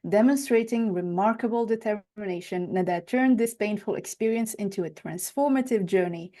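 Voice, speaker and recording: A woman hosts a podcast in an even, mid-pitched voice. She reads a polished introduction and then puts her questions to the guest, restarting a phrase now and then. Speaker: podcast host. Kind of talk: scripted introduction and interview questions.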